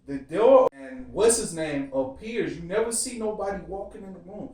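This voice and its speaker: Hosting a TV series discussion show, a man leads a casual, profane group conversation in slangy speech, animatedly making his points and quizzing the others. His fairly high voice is expressive and warm at a moderate pace, recorded at a distance from the mic in an echoey room.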